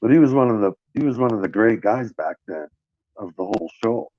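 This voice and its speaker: With a lowish voice, this podcast co-host talks wrestling in a brisk, animated, casual way, agreeing readily and restarting sentences often. The recording has a dull, dry lo-fi quality.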